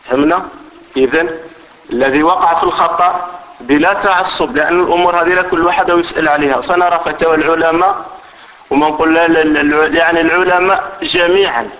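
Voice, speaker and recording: A man's voice: on the high side, fairly even intonation, quick pace, a bit bright, muffled recording. A man with an Algerian Arabic accent giving a religious lesson, explaining carefully, repeating his points and checking that listeners understand. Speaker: religious teacher.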